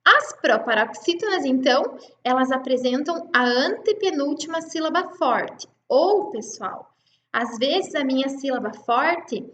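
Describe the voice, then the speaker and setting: High-voiced woman teaching in an echoey room. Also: animated, unhurried, fairly bright tone. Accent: Brazilian Portuguese. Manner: patient, explains step by step, checks in with students. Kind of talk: online class lecture.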